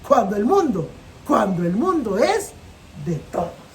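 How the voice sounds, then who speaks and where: A Costa Rican woman storyteller, high-voiced and very lively, playful as she spins a folk tale. She sits a little back from the mic, with a faint hiss in the recording. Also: unhurried. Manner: animated, playful. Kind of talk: oral folk-tale telling. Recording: distant mic with faint noise.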